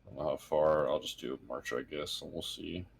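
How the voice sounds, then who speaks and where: A man narrating as game master of a tabletop game, halting often with fillers and small chuckles. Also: very deep voice, fairly even intonation, creaky, husky.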